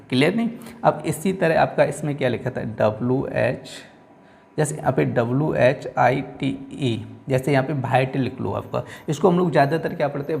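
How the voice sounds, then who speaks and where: A man's voice: medium pitch, gravelly, a little mellow. A male teacher giving a classroom lecture who keeps asking his own questions and answering them, speaking English words.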